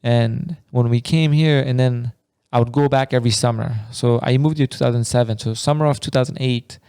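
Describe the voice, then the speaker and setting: Afghan-born guy in his 20s, smooth dry close sound, laid back slangy podcast chat. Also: medium pitch, fairly quick, no room sound. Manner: laughs often, relaxed slangy storytelling. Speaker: podcast co-host. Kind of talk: casual chat.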